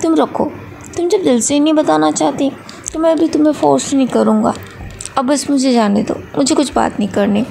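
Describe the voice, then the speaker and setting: A woman voicing a teasing young male college student who sulks and pleads in turn, with a high, gravelly voice. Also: steady tone, fairly quick, warm tone, a little hiss or hum. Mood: sulky. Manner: pleading, then sulky and coaxing.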